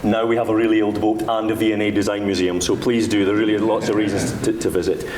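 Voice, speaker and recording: A Scottish man with a Dundee accent presents to a conference in a conversational manner. His voice sits fairly low. The recording is roomy and a little distant, with faint noise underneath. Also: level tone, fast, darkish tone. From Dundee, Scotland. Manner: informal, conversational, Scots turns of phrase. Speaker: panel speaker on education. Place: indoor event room with microphone.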